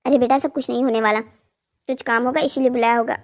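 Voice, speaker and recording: A voice actor playing a gentle, worried mother in a cartoon story, speaking softly to calm her son. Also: on the high side, fairly quick, natural voice. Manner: soft, calming, pleading.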